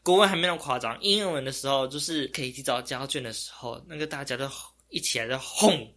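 A young adult male vlogger with a Taiwanese Mandarin accent tells a story casually and animatedly, often exclaiming and laughing. His voice is medium in pitch and his pace is quick.

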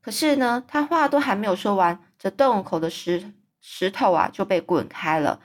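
A woman reading a children's book aloud as a storyteller, pausing to explain hard words for young listeners. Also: medium pitch, lively intonation.

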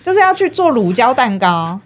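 A woman, a film marketing producer chatting as an interview guest and telling animated stories about her work. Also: on the high side, normal speed. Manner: animated storytelling, acts out her own past thoughts. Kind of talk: casual interview chat.

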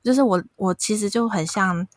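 A woman in her thirties with a Taiwanese Mandarin accent, hosting a casual chat and telling a story in an animated way. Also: medium pitch, moderate pace, no echo, clean studio sound. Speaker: podcast host.

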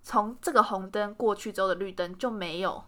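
A young woman with a Taiwanese Mandarin accent, co-hosting a podcast and telling stories in an animated way, laughing often. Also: mid-range voice, brisk. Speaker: podcast co-host. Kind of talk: casual chat.

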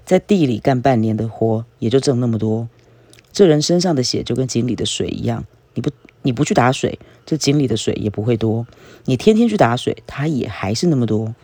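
A man's voice: medium pitch, animated, brisk, darkish tone, slightly rough, dry recording. A man reading a novel aloud, voicing a middle-aged farmer uncle who explains things in a plain, matter-of-fact way.

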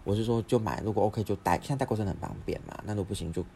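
A young man, hosting a podcast and telling a story in a rapid, rambling way with frequent restarts. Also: lowish voice, vocal fry, warm tone, a little hiss or hum. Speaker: podcast host. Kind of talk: casual storytelling.

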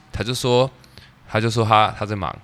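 A man's voice: lowish voice, steady tone, moderate pace, a bit bright. A man with a Taiwanese Mandarin accent rambling through a personal story in casual chat, restarting often and swearing. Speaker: podcast co-host telling a story.

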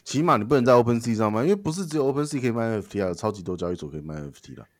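A man's voice: mid-range voice, animated, rapid-fire, no room sound, clean studio sound. A man co-hosting a podcast in casual discussion, questioning and rephrasing the points. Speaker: podcast co-host.

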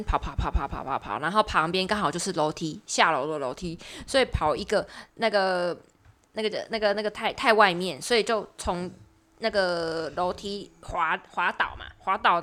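A woman speaks in a fairly low voice in a relaxed podcast chat. She listens attentively, with soft interjections, before telling her own story. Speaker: podcast co-host. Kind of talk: casual chat.

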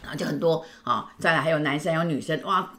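Lively woman telling a story. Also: deep voice, fast talker. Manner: animated, acts out the voices in her story. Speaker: podcast host. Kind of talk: casual storytelling chat.

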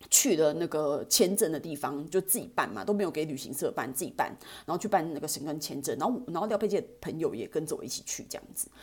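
Fast-talking husky woman storyteller. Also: low voice. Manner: chatty, animated, many fillers. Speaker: podcast host. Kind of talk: casual storytelling.

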